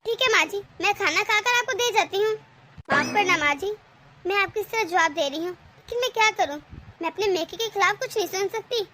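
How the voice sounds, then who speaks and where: A woman's voice: very high-pitched, expressive, a little fast, pushed and bright, slight background noise, exaggerated voice. A woman voicing a clever young daughter-in-law in a cartoon, sweetly polite but cheeky. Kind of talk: animated cartoon voice acting.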